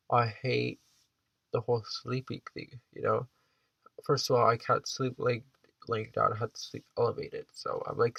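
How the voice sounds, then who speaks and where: A man's voice: mid-range voice, creaky, a bit bright, husky, no room sound, dull audio. A 21-year-old man chatting casually in a vlog, rambling and hesitant, with the stuffed-up nasal sound of a blocked nose. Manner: hesitant and rambling, heavy use of "like". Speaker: vlogger.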